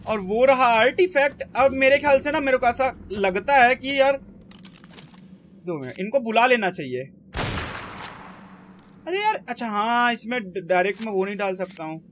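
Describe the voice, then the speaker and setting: A young man from India giving excitable, casual gameplay commentary, talking to himself and his in-game creature with frequent exclamations. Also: sits high, a little slow, long pauses, soft background music. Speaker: gaming YouTuber.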